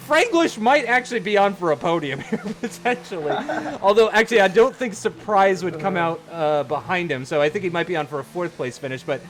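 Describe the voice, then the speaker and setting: A man calling a live esports racing event as lead commentator, excitable and laughing often as he talks. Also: high voice, a little hiss or hum. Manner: excitable, laughs often, quick run-on phrasing.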